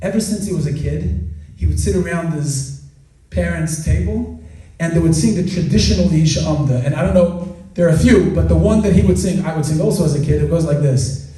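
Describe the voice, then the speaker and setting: A man, a rabbi, giving an animated sermon to an audience, asking them questions and now and then breaking into song. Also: a little high, a little fast. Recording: echoey hall recording from far off.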